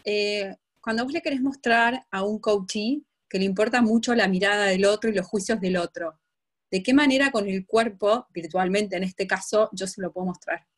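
A woman's voice: mid-range voice, normal speed. A woman student, talking casually and asking questions in an online class. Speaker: coaching student.

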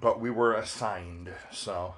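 A man co-hosting a casual podcast, talking slowly with many pauses and fillers. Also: on the low side, steady tone, fairly bright tone, a little hiss or hum. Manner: slow, hesitant, many fillers. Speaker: podcast co-host. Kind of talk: casual chat.

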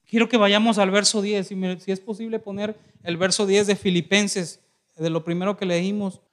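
A man with a high voice preaching a sermon as pastor. He acts out the voices in the stories he tells. He puts questions straight to the congregation. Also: flat delivery, normal speed. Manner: dramatic preaching, acting out quoted voices.

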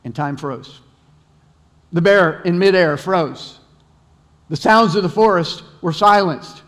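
Male pastor, casual sermon style with restarts and stories; slightly high voice, big echoing church hall. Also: a little slow, fairly bright tone. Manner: conversational, repeats words, storytelling. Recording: long hall reverb.

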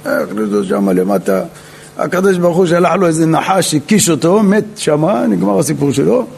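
Rabbi, male; high, gravelly voice; lively storyteller who acts out quotes with joking asides. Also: a little hiss or hum. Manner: animated, dramatizes quotes with humorous asides. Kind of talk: Torah lesson, storytelling.

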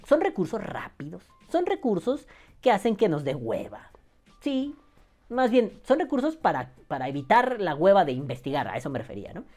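Mexican man, podcast host, casual rant, profane and sarcastic, rambling, lively swooping pitch. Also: normal speed.

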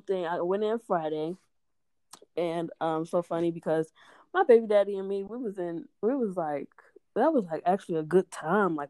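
Animated woman telling stories, cursing. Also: lowish voice, no room sound. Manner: animated storyteller, cursing, laughing, acting out quotes. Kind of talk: casual chat.

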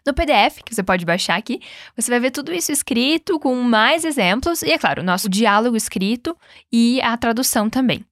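A Brazilian woman hosting a podcast English lesson, upbeat and coaching, modelling English words slowly and prompting the listener to repeat them. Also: a little high, animated, a bit bright, no room sound, studio quality. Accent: Brazilian Portuguese. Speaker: English teacher and podcast host. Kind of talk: podcast language lesson with repeat-after-me drills.

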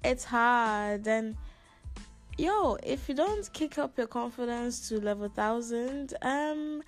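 Her fairly high voice is expressive and slow-paced, set against soft background music. She's a podcast host in her twenties from Ghana, living there six plus years, running a casual solo show where she vents to her listeners in a sassy, slangy, theatrically complaining style.

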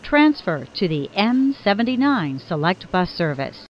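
A woman giving formal, automated train announcements whose words are spliced together from separate recordings. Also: measured pace. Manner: clipped, even, formal delivery. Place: subway train carriage. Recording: lo-fi train speaker with faint rumble.

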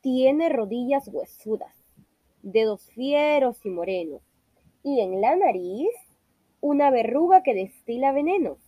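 Woman doing a sly, bragging little storybook mouse, slow and playful, a bit high. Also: expressive, no room sound, highs cut off. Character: small clever boastful mouse.

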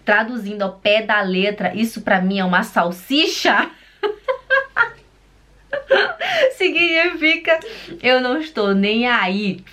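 A woman with a Brazilian Portuguese accent gives a casual online German lesson. She chats, laughs often, ends phrases with a questioning tag and slows down to spell out words. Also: on the high side, big pitch swings, pushed and bright. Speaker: German teacher.

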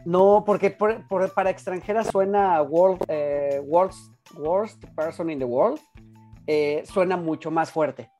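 A woman co-hosting a film chat, giving frank opinions in an expressive way. Her voice is lowish and mellow. Faint music plays underneath. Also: slow, lo-fi sound. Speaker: film podcast co-host. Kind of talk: casual film review chat.

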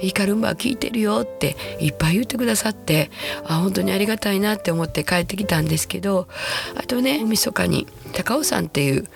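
A woman in her sixties with a Kansai accent, hoarse and husky from a throat cold, chatting casually and self-deprecatingly as a podcast host. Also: mid-range voice, animated, over music. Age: 60s. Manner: chatty, self-deprecating, slows to a soft hush at times. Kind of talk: casual solo podcast talk.

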